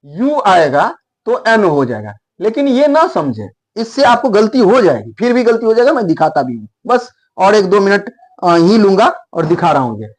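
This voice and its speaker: A man's voice: high voice, big pitch swings, normal speed. A man teaching English grammar in Hindi, explaining patiently and repeating key points with emphasis. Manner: repetitive, emphatic teaching, spells out letters.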